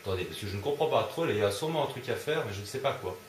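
A man's voice: lowish voice, animated, rapid-fire, reverberant, slight background noise. A man commenting casually on his gameplay in a let's play, grumbling, easily annoyed and swearing often. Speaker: gamer doing a let's play.

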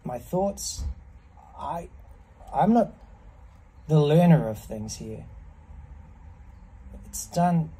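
A man in his fifties giving a reflective monologue to camera, speaking contemplatively in short, measured phrases with pauses between them. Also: a little high, lively intonation, warm tone, slightly rough, low-quality recording. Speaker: ice bath practitioner. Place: small block-walled semi-outdoor space, in an ice bath.

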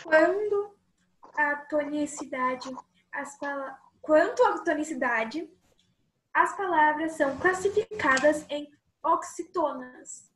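A female student reading aloud in class, slowly and carefully. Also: sits high, a bit bright, slight background noise. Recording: roomy echo.

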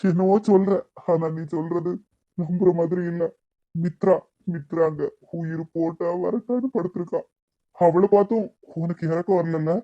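A woman's voice: fairly low pitch, steady tone, moderate pace, lo-fi sound, close to an everyday voice. A woman voicing a grieving old grandfather in a cartoon, with a Kanyakumari Tamil accent, sorrowful and reproachful. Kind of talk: cartoon voice acting.

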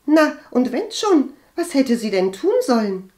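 A woman reading an audiobook and voicing a flustered, gossipy young cousin with a high, stammering, indignant voice. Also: big pitch swings, measured pace, a little mellow. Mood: dismissive. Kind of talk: audiobook character voice.

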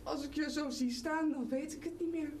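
An actress playing a worried sister who questions earnestly and is desperate to help. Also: female voice, high-pitched, steady tone, moderate pace, a little mellow, far from the mic, a little hiss or hum. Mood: despairing. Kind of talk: live stage drama. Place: theatre stage.

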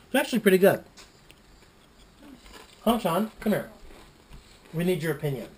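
A man's voice: sits high, very animated, moderate pace, a little mellow. A man co-hosting a snack taste test in loose, unscripted conversation. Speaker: snack review co-host. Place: indoors at a tabletop light box. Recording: noisy, with clicks in the background.

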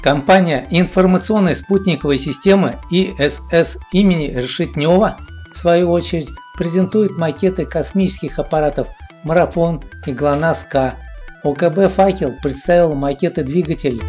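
A man narrating a scripted documentary voice-over in a steady, even read. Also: a little high, normal speed, soft background music.

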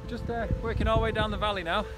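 A man's voice: sits high, steady tone, quick pace, over loud music. Man vlogging on the move while trail running. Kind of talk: casual outdoor vlog commentary to camera. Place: open moorland hillside, outdoors. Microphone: phone held at arm's length.

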